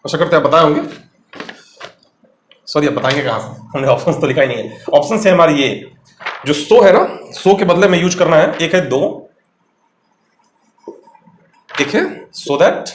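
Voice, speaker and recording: A man's voice: a little high, a little slow, pauses often, a little hiss or hum. A man giving an exam-prep grammar lecture, explaining step by step and quizzing the viewer. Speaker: English teacher. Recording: echoey room.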